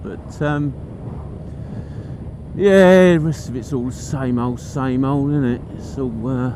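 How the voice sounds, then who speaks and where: This is a middle-aged motorcycle vlogger talking slowly in a mid-range voice as he rides. He muses aloud in a chatty, colloquial way, rambling casually and thoughtfully. Engine roar, traffic and road noise dominate the background.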